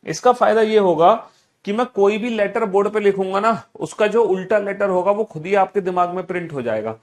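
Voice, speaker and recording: A man's voice: high-pitched, a little fast. A man teaching a class, repeating each instruction and coaxing students with affectionate teasing as he drills them. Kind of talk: classroom lesson.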